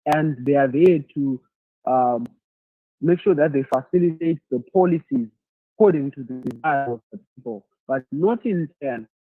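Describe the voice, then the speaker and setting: A man from Zimbabwe answering questions in an online masterclass, thoughtful and halting, often repeating words as he searches for them. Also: medium pitch, no room sound. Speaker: leadership speaker answering questions. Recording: tinny phone-like audio.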